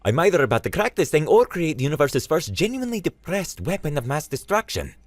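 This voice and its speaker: A man doing a cocky young hacker guy, fast and boastful. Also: on the high side, sing-song, dry recording, pitched above the performer's own voice. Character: brash sleepless young male hacker, cocky.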